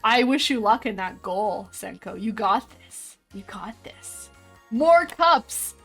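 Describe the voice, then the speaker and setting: A woman in her early twenties talks casually to her viewers at a desk microphone, reading out their messages and breaking into frequent laughter. Her pitch sits in an ordinary middle range. Soft music plays faintly behind her. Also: animated, slow pace, creaky, slightly rough. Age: 20s. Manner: chatty, reads chat aloud, laughs often. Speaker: streamer. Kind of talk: casual chat with viewers while drawing. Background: faint background music.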